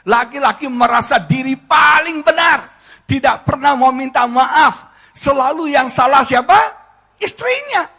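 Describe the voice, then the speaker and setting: A middle-aged male pastor, giving a joking, animated sermon to his congregation. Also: very high-pitched, measured pace. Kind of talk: lively humorous sermon.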